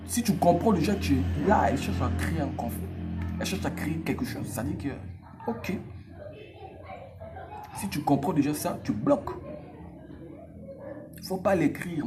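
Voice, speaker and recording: A man giving casual dating advice straight to the viewer, repeating himself and using street slang. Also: a little high. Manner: animated, repetitive, street slang, addresses viewer directly.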